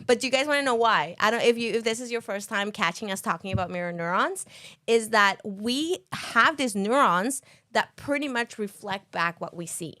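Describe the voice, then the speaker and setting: Young woman co-host, from Ecuador, animated storyteller, dry close mic. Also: a little high, normal speed, no room sound. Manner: animated, laughs often, storytelling. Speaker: podcast co-host. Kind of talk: casual podcast chat.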